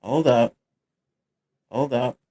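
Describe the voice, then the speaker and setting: A man co-hosting a casual podcast over a call. His mic sounds tinny and thin with no bass, and he talks in halting starts and restarts. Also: mellow. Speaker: podcast co-host. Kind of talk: casual chat. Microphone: home streaming mic over a voice call.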